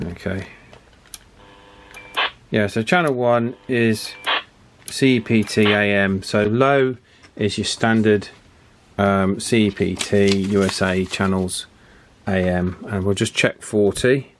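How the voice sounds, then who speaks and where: Speaking slowly in a lowish, fairly even voice with frequent pauses and slight background noise, a man presents a video about repairing radios as a hobbyist. He works through the job thinking aloud in a casual, hesitant, methodical manner, often saying things more than once.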